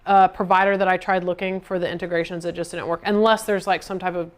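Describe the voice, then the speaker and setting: A woman's voice: lowish voice, level tone, fast, a little hiss or hum. A woman livestreaming from her home kitchen, chatting to viewers while she cooks. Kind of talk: casual livestream chat.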